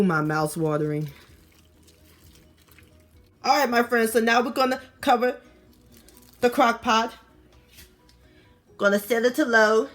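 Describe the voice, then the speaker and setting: A woman with a Southern US accent hosting a casual cooking video, expressive, with savoring exclamations and drawn-out words. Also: medium pitch. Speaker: cooking show host. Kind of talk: casual recipe narration.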